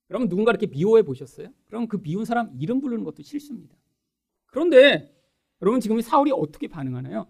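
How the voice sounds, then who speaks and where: Male pastor, very high voice, lively swooping delivery, sermon that keeps turning to the congregation. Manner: keeps addressing the congregation directly, animated; acts out quoted dialogue in changed voices.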